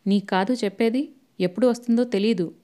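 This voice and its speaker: A woman's voice: mid-range voice, fairly even intonation, a little fast, mellow, natural voice. A woman reading the part of an irritable older man who gives short, curt answers. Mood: irritated.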